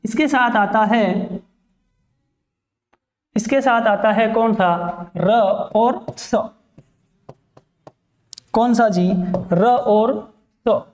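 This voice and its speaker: Male teacher, very high voice, roomy classroom sound, drills students with repeated questions. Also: fairly even intonation. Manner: repeats questions to students and answers them himself; recites letters slowly one by one. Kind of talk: classroom grammar lesson.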